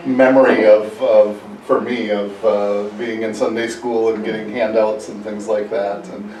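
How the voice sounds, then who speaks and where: A man leading an adult church class in a relaxed, halting way, with many fillers. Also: fairly low pitch. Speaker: adult education class leader. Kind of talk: casual church class teaching. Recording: roomy, from far off, faint noise.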